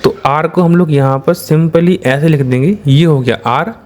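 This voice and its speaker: In no hurry, a man with an Indian accent teaches shorthand in a fairly high, darkish voice. He goes step by step, asking his students questions and answering them himself, repeating things patiently as in a classroom.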